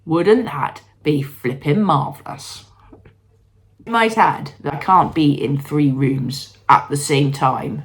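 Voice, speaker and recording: Sniffling through a cold, a low-pitched woman records a chatty home vlog about candle making as she moves from room to room. She is bubbly and self-deprecating, talking directly to her viewers.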